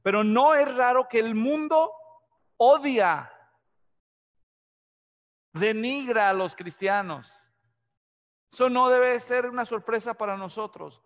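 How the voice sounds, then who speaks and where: A man's voice: very high-pitched, takes it slowly, long pauses, long reverb tail, dull audio. A man from Mexico preaching an expository sermon, often asking the congregation questions. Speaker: pastor.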